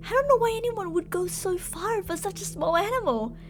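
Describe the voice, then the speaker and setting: Speaking fairly quickly in an extremely high pitch with lively intonation, a woman performs a scripted ASMR roleplay monologue as a possessive, obsessive yandere captor. Faint music plays behind her as she coos endearments and slips into whispers, doting and intimate but menacing, in a tender, wistful mood.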